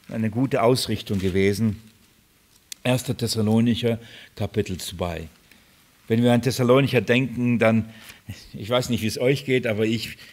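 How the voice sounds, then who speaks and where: A man with a fairly low voice delivers a sermon, talking straight to his listeners. He often stalls, repeats words and fills pauses with "ähm" as he works through his point. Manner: halting, repeats words, many fillers; addresses congregation directly. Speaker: preacher.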